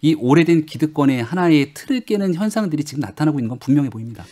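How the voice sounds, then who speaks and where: Panel guest, man, forties, fast talker, lively pitch, somewhat high voice, studio. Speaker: political panelist. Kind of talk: radio panel discussion. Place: radio studio.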